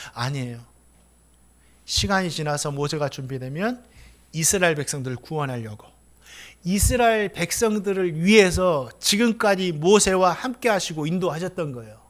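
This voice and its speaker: A middle-aged male pastor preaching a sermon in a high, bright voice. He asks his congregation questions and swings from hushed, close talk to loud, impassioned appeals. His tone stays ringing and forward throughout. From Korea.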